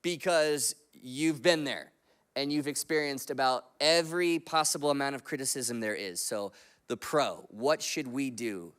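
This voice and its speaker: A young adult man preaching a sermon, telling stories and jumping into animated, excited bursts. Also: medium pitch, normal speed, clean tone. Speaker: pastor. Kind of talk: sermon with storytelling.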